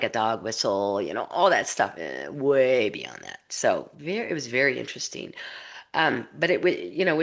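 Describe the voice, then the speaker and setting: A woman with a low voice tells of a personal experience in casual, unscripted speech. Her intonation swings widely, and she rambles with many fillers and restarts as she talks. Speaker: researcher and author sharing a personal experience. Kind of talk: casual spoken testimony.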